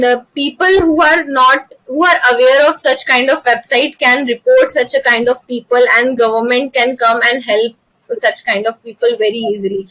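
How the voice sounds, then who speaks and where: A woman's voice: sits high, sharp tone, rough recording. A young woman with an Indian accent answering as a job interview candidate, formal and deferential. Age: young adult.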